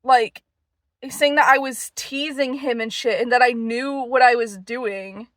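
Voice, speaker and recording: Young woman vlogger, unhurried, profane storyteller, dry close sound. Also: a little high, steady tone, no room sound. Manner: profane, filler-heavy, rambling. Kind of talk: casual storytelling.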